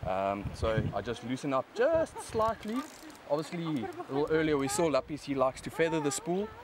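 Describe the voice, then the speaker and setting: This young man's voice is fairly high, swinging widely in pitch at a normal speed. With a broad South African accent, he shares casual fishing tips and commentary on a river bank as the angler presenting a fishing video, recorded outdoors on camera with background noise.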